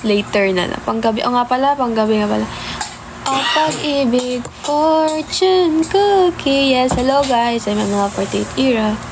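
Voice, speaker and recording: A woman's voice: high-pitched, measured pace, noisy background. A young woman chatting casually on a phone livestream, greeting viewers by name and mixing in English. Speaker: idol livestreamer. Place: home, early morning.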